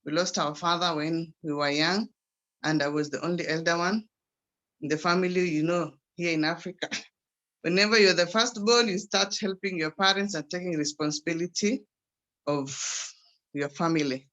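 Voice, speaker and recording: Bright-voiced Kenyan grandmother. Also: on the low side, normal speed. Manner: conversational, with frequent restarts. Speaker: guest speaker. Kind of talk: personal testimony on a video call. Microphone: video call.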